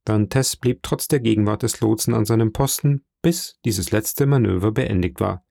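Gravelly male audiobook narrator. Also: fairly low pitch, normal speed, mellow, no echo, studio quality. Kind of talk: scripted narration.

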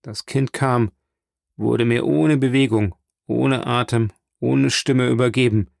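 A man reading a grim, tormented state prosecutor in an audiobook, somber, measured and heavy. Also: mid-range voice, fairly even intonation, gravelly, a little mellow, no room sound, studio quality. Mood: confessing.

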